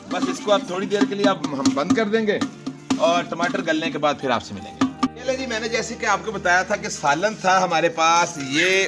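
This casual cooking demonstration shows a man in his forties, a vlogger, cooking on a wood fire in a village yard while chatting directly to viewers. He has a high voice, captured by a camera mic that a cameraman holds, and music runs in the background.

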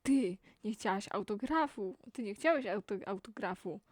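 A man's voice: sits high, animated, moderate pace, dry recording, studio quality. A young man voicing a meek, clumsy male clown henchman in a timid, stammering way. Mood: nervous.

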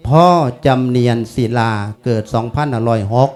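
Folksy Isan monk preaching. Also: male voice, medium pitch, normal speed, a little mellow. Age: 50s. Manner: folksy, chatty teaching with Pali chanting. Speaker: monk giving a funeral sermon. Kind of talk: sermon.

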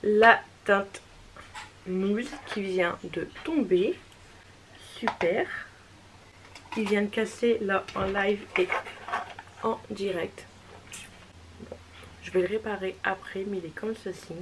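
A woman's voice: medium pitch, slow, pauses often. Casting: chatty woman vlogger, casual haul, faint hiss behind. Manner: chatty, repeats "voilà" often, apologetic. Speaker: beauty vlogger. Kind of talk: casual makeup haul vlog.

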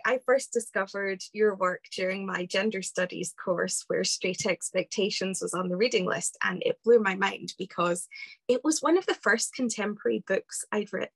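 A woman's voice: mid-range voice, creaky, breathy edge, dry recording, low-quality recording. A woman hosting an online conversation, speaking close to her computer on a video call. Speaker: host of online book launch. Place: book-lined home room, indoors. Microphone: close to laptop on video call.

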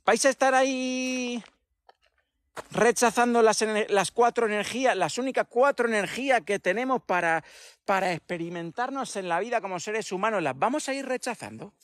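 Animated high-voiced man. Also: normal speed, no room sound. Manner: animated, mocking imitations, rhetorical questions. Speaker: livestream host. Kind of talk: casual live chat.

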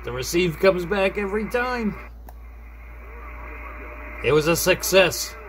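A middle-aged man with a high, very animated voice demonstrates a hands-on repair at a small indoor desk for his hobbyist repair video. He narrates casually and without hurry, muttering to himself as he works, over faint background noise.

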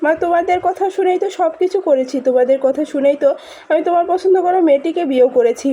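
A woman's voice: very high-pitched, fast talker, warm tone. A woman voicing a reluctant young husband who pleads with his mother, in a spoken drama recap. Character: troubled young husband, torn and sullen.

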